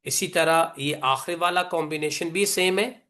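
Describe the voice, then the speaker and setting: Slow, deliberate male teacher. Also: fairly high pitch, bright, forceful tone. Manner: deliberate, repeats definitions slowly; mixes English phrases into Hindi. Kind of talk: online class lecture.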